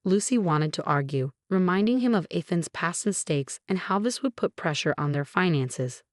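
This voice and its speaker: A woman reading a family drama story aloud in an even, measured way. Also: fairly low pitch, no echo, studio quality. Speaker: story narrator. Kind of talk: scripted narration.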